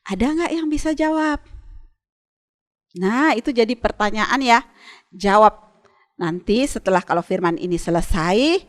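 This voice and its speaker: A woman Sunday school teacher retelling a bible story for children and asking them questions. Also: mid-range voice. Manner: lively, asks children questions.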